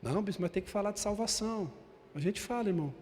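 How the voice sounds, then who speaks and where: A man's voice: high voice, fast, a little mellow, long reverb tail, a little hiss or hum. A man preaching a sermon as a bishop, pressing his points with emphatic repetition and calling the congregation brother. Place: large church hall.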